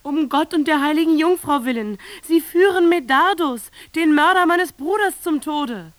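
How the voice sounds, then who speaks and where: A man voicing a terrified young noblewoman in a radio reading, with high, shrill, panicked calls. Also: moderate pace, fairly bright tone, no echo.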